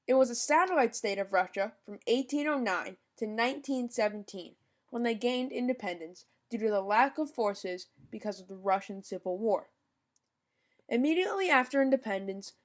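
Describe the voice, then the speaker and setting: A young podcast host with a medium-pitched voice gives a scripted informational rundown, occasionally tripping over foreign names and apologizing.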